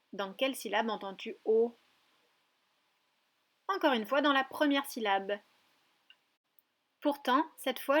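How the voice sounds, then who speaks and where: Slow, clear-spoken woman teacher. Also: fairly high pitch, a bit bright. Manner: slow and clearly articulated, addressing a child directly. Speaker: preschool teacher. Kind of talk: recorded lesson for young children.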